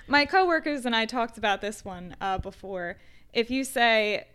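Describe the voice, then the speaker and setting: Giggly woman, smooth voice. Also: fairly high pitch, a little slow. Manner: giggly, animated storyteller. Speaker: nursing home worker. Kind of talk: casual chat.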